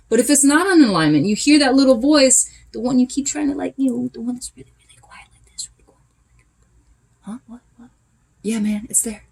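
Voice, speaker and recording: A woman with a slightly high voice talks through a casual tarot reading. She is chatty and emphatic, and coaches her listeners directly. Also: darkish tone. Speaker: tarot reader.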